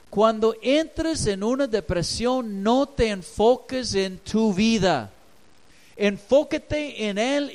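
High-voiced man preaching slowly. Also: poor audio. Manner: emphatic, swinging between hushed and loud. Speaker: pastor. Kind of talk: sermon.

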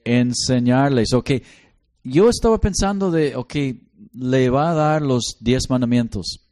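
A man's voice: mid-range voice, takes it slowly. A middle-aged man leads a casual Bible study, telling stories animatedly and slipping into English now and then. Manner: animated storytelling, slips into English.

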